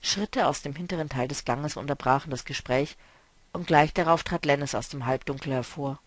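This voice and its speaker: A man reading a fantasy novel aloud in a calm, even storytelling manner. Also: on the high side, moderate pace, dry recording. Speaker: reader.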